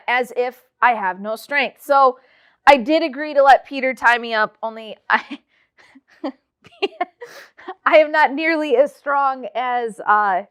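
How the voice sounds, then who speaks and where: A woman teaching children a Bible lesson, reading verses and retelling the story with lively asides to the kids. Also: on the high side, clear, resonant tone. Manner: animated storytelling, addressing the children directly.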